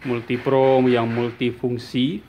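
In an indoor workshop, a man with an Indonesian accent gives a casual, explanatory product demonstration, repeating key points. His medium-pitched voice is level and slow, with the highs cut off. Workshop hum and ambient noise come through clearly.

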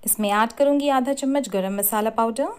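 A woman hosting a cooking channel, giving clear step-by-step recipe instructions in a scripted voice-over. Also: a little high, normal speed. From India.

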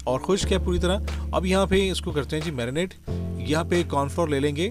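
Guy chef doing a recipe voiceover, friendly step by step, kinda high voice, guitar music behind. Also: brisk. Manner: friendly, step-by-step, keeps saying "perfect". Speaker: cooking show host, chef. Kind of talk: voice-over recipe instruction.

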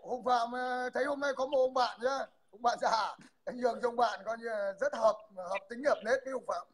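A man speaks on a livestream, mocking someone. He talks straight to the audience. His voice is very high for a man. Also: normal speed, fairly bright tone.

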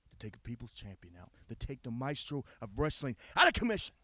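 A man cutting an intense wrestling promo, dropping to low whispers and rising to shouts. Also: wildly swooping pitch, fast, no room sound. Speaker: pro wrestler.

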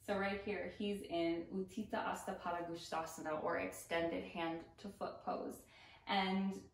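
A woman yoga instructor giving casual, explanatory commentary with gentle cautions. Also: lowish voice, level tone, unhurried, echoey room, poor audio. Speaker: yoga instructor reacting to videos.

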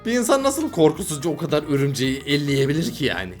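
Lively young man reacting with laughs. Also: on the high side, fast, faint music behind. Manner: exasperated, laughing often. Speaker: YouTuber reacting to videos. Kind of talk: casual reaction commentary.

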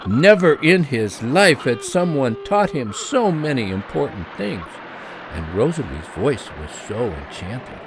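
A man reading a children's story aloud, expressive and gently explaining. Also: medium pitch, a little slow, background noise.

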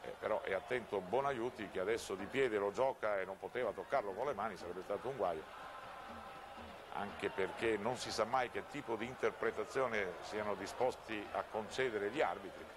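Male football commentator, fairly low pitch, running match description, clearly noisy outdoor stadium broadcast. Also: normal speed. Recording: noisy old TV broadcast audio. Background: outdoor stadium ambience.

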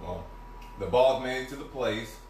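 A man's voice: medium pitch, normal speed, darkish tone, slight background noise. Casual man storyteller in echoey room. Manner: rambling storytelling, acts out quotes. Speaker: streamer. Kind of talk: casual chat. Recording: echoey room, far from mic.

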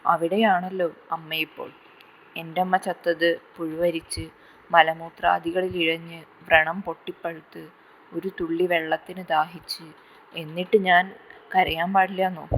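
A grieving, drunk male poet, brooding and blunt, in an audiobook story, read by a woman narrator. His lines come low and flat, weighed down with loss. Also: unhurried, a little hiss or hum, rough recording. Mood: anguished.

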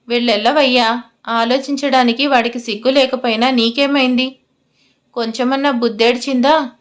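A woman voicing a sharp-tongued young woman who scolds with sarcasm. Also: fairly high pitch, natural voice.

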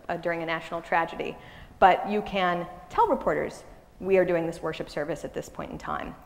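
Woman, lecturer, low-pitched, quick conversational delivery, long hall reverb. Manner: quick, conversational, asides and restarts. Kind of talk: public lecture. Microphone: wireless microphone.

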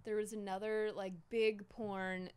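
A young woman co-hosting a casual podcast chat, laughing often and jumping into high voices when she quotes people. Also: level tone, a little slow, darkish tone, smooth. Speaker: podcast co-host.

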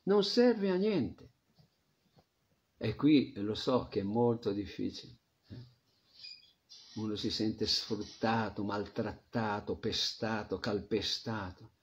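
A man teaching a devotional scripture class, reflective, often trailing off into a soft murmur. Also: on the low side, fairly even intonation, slow. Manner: reflective, drops to a soft murmur at phrase ends. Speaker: spiritual teacher. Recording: dull lo-fi recording.

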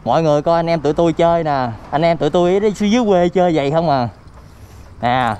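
A man's voice: fairly high pitch, fast, a little mellow, faint music behind. A young man with a Southern Vietnamese accent cheering and joking as he films himself riding outdoors for his vlog. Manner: playful, cheering, laughs often. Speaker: vlogger. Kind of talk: excited casual vlog commentary. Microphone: handheld phone camera. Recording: noisy outdoor phone recording.

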